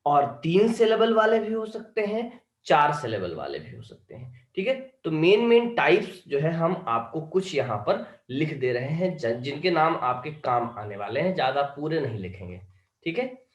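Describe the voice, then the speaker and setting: A man's voice: fairly high pitch, very animated, normal speed. Male teacher, echoey room. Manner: keeps asking students if they understood. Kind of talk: online lecture.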